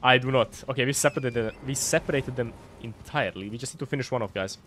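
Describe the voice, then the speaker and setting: A faint hiss or hum sits under this young Croatian-accented man's medium-pitched, quick commentary as he streams a game from home. Chatting with viewers over a headset, he excitedly swears and laughs at the bosses he battles.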